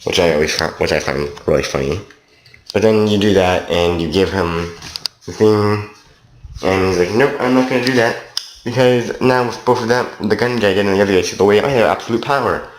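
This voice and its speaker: Low-voiced man rambling through a game review. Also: a little fast. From Canada. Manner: profane, loose and meandering. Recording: roomy echo, faint noise.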